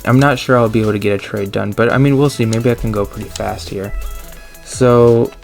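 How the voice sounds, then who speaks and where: A man with a low, gravelly voice talks through a video game against the clock. He thinks out loud, hurried and loose, packed with fillers and restarts. Soft music plays under him, with keyboard clicks at his desk mic. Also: steady tone. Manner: rushed, thinking aloud with many fillers. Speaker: gaming YouTuber. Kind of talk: casual gameplay commentary.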